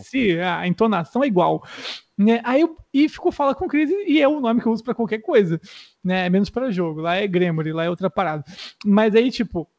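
A man with a Brazilian accent hosts his own stream and chats with a guest. His voice sits very high, and he talks loosely with slang and swearing. The audio is dull and lo-fi. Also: lively intonation, brisk, a little mellow. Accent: Brazilian Portuguese. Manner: loose, slangy and profane, with many fillers. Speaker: streamer hosting his channel. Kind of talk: casual chat.

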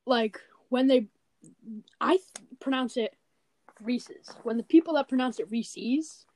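A teenage girl hosting a casual chat, talking with frequent fillers and pauses. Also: sits high, a little mellow, poor audio. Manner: chatty, hesitant with fillers. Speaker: podcast host.

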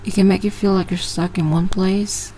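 A Malaysian woman in her twenties hosts a casual personal podcast, often hesitating and restarting her phrases. Her voice is medium-pitched, steady, mellow, and at a normal speed. The low-quality recording carries a little hiss or hum.

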